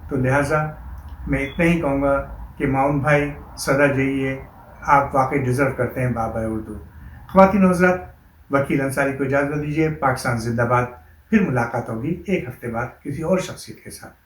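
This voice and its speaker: A male host giving a formal, measured, admiring tribute to a writer. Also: mid-range voice. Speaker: show host. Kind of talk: scripted tribute segment. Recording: echoey room with faint noise.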